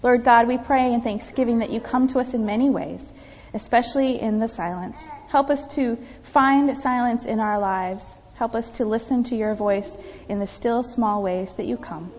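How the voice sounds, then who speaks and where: A woman's voice: fairly high pitch, moderate pace. A woman pastor giving a children's message in church, asking the kids questions and often dropping to a whisper. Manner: animated, questioning, drops to whispers. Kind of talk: children's sermon. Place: church sanctuary. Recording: dull recording in a reverberant church.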